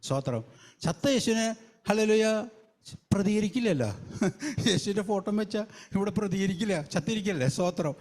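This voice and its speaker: A man's voice: high-pitched, a little fast, darkish tone. A male evangelist preaching a fervent sermon, breaking in often with hallelujah and praise the Lord.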